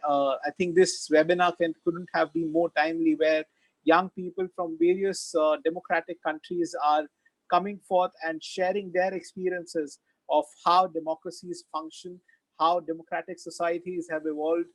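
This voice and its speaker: A man moderating a webinar who opens with measured, formal remarks and frequent uhs, speaking on a video-call mic. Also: fairly high pitch, no echo, poor audio.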